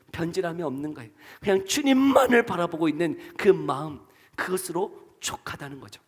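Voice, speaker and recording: A man preaching a sermon as pastor, firing rhetorical questions at his congregation and swinging between loud emphatic lines and quiet low ones. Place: church sanctuary. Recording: long reverb of a church hall.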